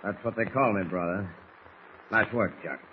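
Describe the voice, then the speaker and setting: An actor playing a tough, threatening smuggler boss with slangy gangster bluster in an old radio serial. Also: male voice, fairly low pitch, moderate pace, close to an everyday voice. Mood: gloating, menacing. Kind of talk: 1940s radio serial acting. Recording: muffled, hissy old radio recording.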